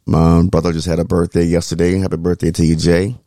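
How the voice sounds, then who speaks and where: Deep, creaky man talking through braces. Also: level tone, fast, mellow, no echo, studio quality. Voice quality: slobbery speech hampered by dental braces. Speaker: podcast co-host. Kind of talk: casual chat.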